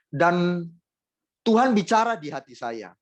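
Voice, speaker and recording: A man preaching a sermon, speaking straight to the congregation and repeating phrases for emphasis, with emotional swings between loud and soft delivery. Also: high-pitched, very animated, unhurried, highs cut off.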